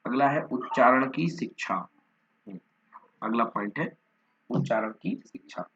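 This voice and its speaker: A man's voice: medium pitch, expressive, unhurried, a bit bright. A man teaching a lesson, reading notes aloud, listing terms one by one and sometimes repeating or correcting himself. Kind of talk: Hindi lecture reading from notes. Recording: dull lo-fi recording.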